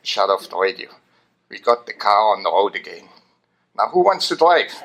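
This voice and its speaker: A man from Switzerland, telling an animated anecdote at a memorial. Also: on the low side, normal speed. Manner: animated anecdote with voiced quotes. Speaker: memorial speaker. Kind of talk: storytelling at a memorial.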